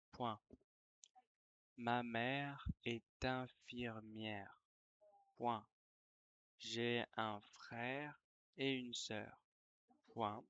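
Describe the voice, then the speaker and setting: Very slow French dictation voice, word by word. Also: mid-range voice, fairly bright tone, clear, resonant tone, dull audio. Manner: dictating word by word, repeating and naming punctuation. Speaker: French teacher. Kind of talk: slow dictation for language learners, repeating phrases.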